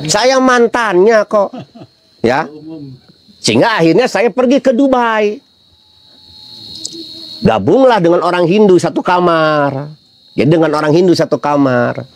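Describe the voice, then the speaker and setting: A middle-aged preacher tells humorous stories in a casual sermon. His voice sits a little high for a man and swings widely up and down as he talks. He keeps tossing rhetorical questions to the crowd. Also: a little hiss or hum. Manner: chatty, humorous storytelling with rhetorical questions to the audience.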